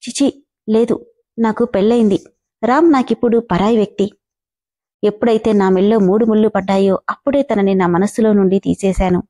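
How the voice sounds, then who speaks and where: A woman voicing a timid, tearful young newlywed wife who speaks softly and anxiously. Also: mid-range voice, steady tone, moderate pace, close to an everyday voice.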